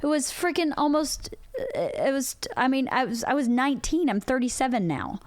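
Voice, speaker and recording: On a podcast, a female co-host in her forties speaks earnestly, openly and reflectively about a difficult personal experience in a candid conversation. Her voice sits high with a sing-song lilt, at a moderate pace, with no echo.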